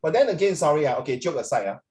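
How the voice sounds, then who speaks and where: Very fast and very animated, this middle-aged Singaporean-accented man speaks with a fairly high, slightly mellow voice. He's a language teacher in casual classroom talk, switching between English and Mandarin and peppering his speech with "ah".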